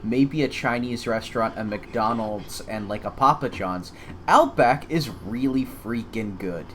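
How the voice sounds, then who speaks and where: A man of average pitch talks casually as co-host of a live gaming stream, rambling and leaning on filler words. Faint noise sits behind his voice. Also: measured pace.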